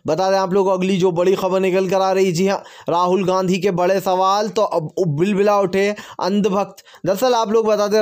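High-pitched man reading opinionated news. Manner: rapid, emphatic, fillers and repeated catchphrases. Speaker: news presenter.

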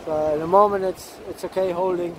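A high-voiced fishing vlogger records casual commentary on an open sandy beach by the surf, holding the camera close to his face. He talks briskly in a steady, darkish tone, chatty and laughing often while repeating words. Wind and surf noise fill the recording.

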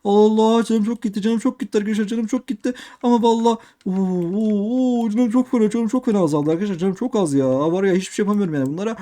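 Excitable high-voiced young man gaming. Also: fast talker, few pauses. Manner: excitable, repeats phrases, addresses viewers. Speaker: gaming youtuber. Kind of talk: let's play commentary.

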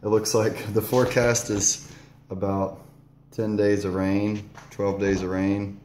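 A man's voice: lowish voice, level tone, takes it slowly, a little mellow, a little hiss or hum. A young man in his twenties chatting casually as a vlog co-host, laid-back and jokey, laughing between lines. He is filmed by a phone at arm's length inside a large greenhouse. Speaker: vlog co-host, farm intern. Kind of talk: casual chat. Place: large dome greenhouse, indoors. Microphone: phone camera at arm's length. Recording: echoey greenhouse.

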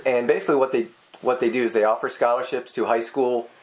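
A middle-aged man co-hosting a casual whiskey tasting chat, rambling and hesitant with many pauses and restarts. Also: mid-range voice, steady tone. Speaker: co-host.

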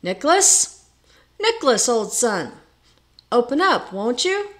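In a storybook tale, a woman plays an older carpenter who is excitable, gullible, pious and proud, prone to blustering exclamations. Her voice sits on the high side and is unhurried, yet she shouts with urgency.

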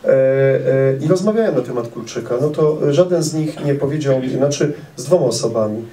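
At a meet-the-author event in an indoor hall with an audience, a middle-aged author holds a handheld mic and answers questions precisely and in a measured way, hesitating often with many "e" fillers. His mid-range voice is expressive and mellow, and the hall sounds roomy, with the camera set some distance off.

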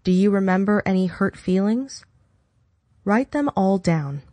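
A woman reads a self-help audiobook in a measured, instructional manner. Her voice sits at a middle pitch. The sound is dry, with hardly any room in it, as she delivers guidance and affirmations. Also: animated, dark tone, no room sound. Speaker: audiobook narrator. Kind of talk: scripted self-help narration with affirmations and guided exercises.

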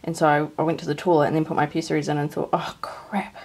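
A woman's voice: deep voice, flat delivery, racing. A woman vlogging by herself on a handheld camera, with a nervous, shaky manner, often dropping to a near whisper. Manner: nervous, shaky, breathy, trailing off into quiet. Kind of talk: casual vlog narration.

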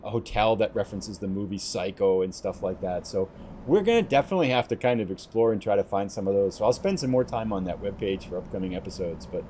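A man with a fairly low voice talks through his gameplay in a relaxed, chatty way, thinking aloud as he goes. Faint game noise sits behind his voice. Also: fast. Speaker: let's play host. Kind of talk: casual gameplay commentary.

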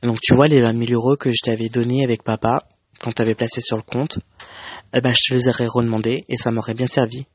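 A man's voice: mid-range voice, little pitch movement, fast, husky, no echo. A young man telling a personal story in an emotional, conversational way, with many fillers and restarts. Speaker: vlogger.

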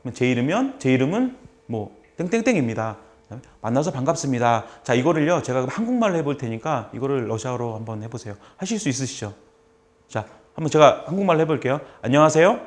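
A man's voice: medium pitch, very animated. Patient male teacher drilling phrases. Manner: patient, repeats phrases slowly for students to copy. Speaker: language instructor. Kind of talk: classroom lesson.

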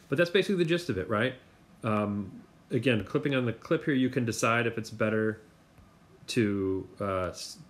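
A man walking through an app step by step in a casual tutorial, thinking aloud with plenty of fillers. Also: fairly low pitch. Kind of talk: screen-recorded tutorial walkthrough.

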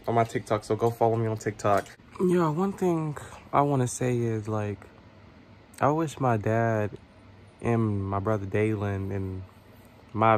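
A man's voice: lowish voice, a little hiss or hum. A young man chatting casually to his viewers in a vlog, laid-back and slangy. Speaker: vlogger. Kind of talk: casual vlog chat to camera.

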